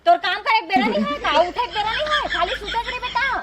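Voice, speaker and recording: A woman's voice: extremely high pitch, animated, fairly quick, very noisy. A woman with a Chhattisgarhi accent playing an exasperated, sarcastic village sister-in-law who nags in a broad comedy skit. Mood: exasperated, scolding. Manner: nagging, sarcastic. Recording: loud music behind dialogue.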